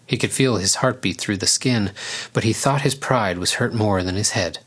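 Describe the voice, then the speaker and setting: A man narrating a storybook in a calm, even reading voice. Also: on the low side, moderate pace, husky.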